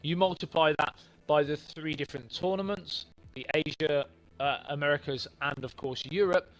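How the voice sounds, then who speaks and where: A man on esports football commentary, working remotely from a studio. His voice sits a touch high. He runs the play-by-play and lifts his voice whenever an attack builds. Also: moderate pace, faint music behind, poor audio. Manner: lively, rises on big plays.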